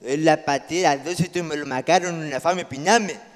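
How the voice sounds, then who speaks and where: A man's voice: a little high, close to an everyday voice. A man voicing cheeky little boys in a live shadow-puppet show, with a childish, sing-song way of talking back to their father. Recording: echoey hall, live show.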